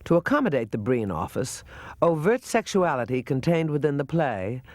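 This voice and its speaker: A man giving scripted documentary narration in a measured, informative way. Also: on the high side, sing-song, darkish tone, dry recording.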